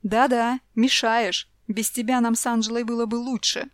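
A woman's voice: fairly high pitch, little pitch movement, normal speed, dry recording, clean studio sound, lightly acted. A woman voicing a doting but hot-tempered father in a storybook reading. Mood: angry. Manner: stern, raised voice.

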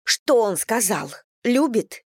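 A woman's voice: fairly high pitch, takes it slowly, slightly rough, dry recording, studio quality, pitched above the performer's own voice, heavily acted. A woman doing a giddy young bride-to-be. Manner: bubbly, playful, excited.

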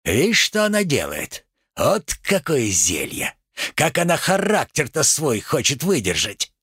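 A harsh older matriarch giving sharp orders in a raised voice, as a male reader puts her on. The voice is husky, and the pace is slow and deliberate. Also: a little high, huge pitch swings, dry recording, studio quality, pitched above the performer's own voice, full character voice. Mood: scolding. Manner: scolding, commanding. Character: stern, domineering older mother-in-law.

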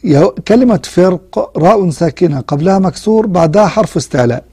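A man teaching a Quran recitation lesson, explaining rules step by step and drawing out example words slowly. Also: sits high, lively intonation, warm tone, breathy edge, no echo. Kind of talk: tajweed lesson.

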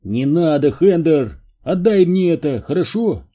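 A man voicing an excited, cocky young man who guides others to a strange creature, talking loud and eager. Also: fairly high pitch, measured pace, dull audio, pitched above the performer's own voice.

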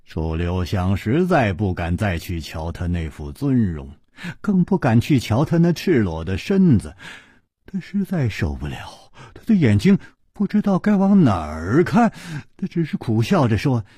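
A male storyteller narrating a martial arts tale in a lively, dramatic way. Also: on the low side, measured pace, slightly rough, no echo.

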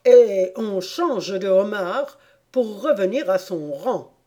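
A woman reading an audiobook voices a boisterous griffin creature that bursts out in loud exclamations. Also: mid-range voice, lively intonation, slow. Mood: excitable.

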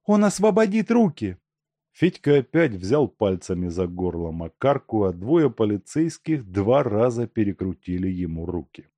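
A man's voice: low voice, expressive, moderate pace, hardly any pauses, warm tone, dry recording. A man narrating an audiobook expressively, reading a crime story. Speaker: audiobook reader. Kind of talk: scripted narration.

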